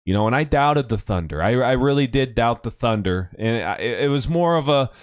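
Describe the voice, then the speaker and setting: A man hosting a casual sports podcast, his voice a bit strained from yelling, rambling and correcting himself as he talks. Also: mid-range voice, lively intonation, brisk, clean tone, dry recording. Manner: rambling, self-correcting, conversational. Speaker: podcast host; youth coach.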